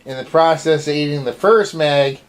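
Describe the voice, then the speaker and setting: A woman with a strikingly low voice recaps a film plot in easy, casual chat. She keeps asking her co-host what happens next. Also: normal speed. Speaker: co-reviewer. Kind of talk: casual movie review chat.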